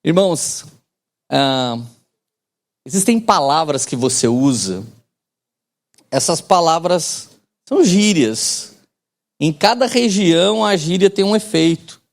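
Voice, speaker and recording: A man's voice: fairly high pitch, expressive, takes it slowly, creaky, pauses often. A man in his forties preaching a sermon as pastor, in a casual joking manner with slang and call-and-response to the congregation.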